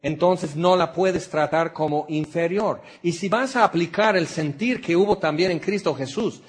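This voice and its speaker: A man preaching a sermon with a Mexican accent. He speaks with emphasis, moves between raised and hushed delivery, and puts rhetorical questions straight to his listeners. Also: fairly high pitch, moderate pace.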